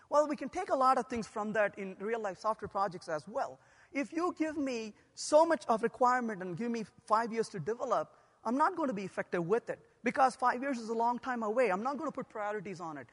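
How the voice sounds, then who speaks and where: Man, high voice, lecturing, animated, rhetorical questions, hall reverb. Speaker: software lecturer.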